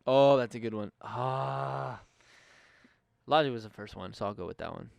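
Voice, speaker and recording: A man's voice: medium pitch, lively intonation, moderate pace, vocal fry, a little mellow, no echo. A young man co-hosting a casual podcast chat, loose and profane with lots of slang. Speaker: podcast co-host.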